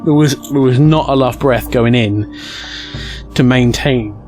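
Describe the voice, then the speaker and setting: Faint music sits behind a British man with a mid-range voice and measured delivery as he streams to a live chat. It's lively, casual comic storytelling full of crude self-mockery, with the dialogue acted out in excited bursts.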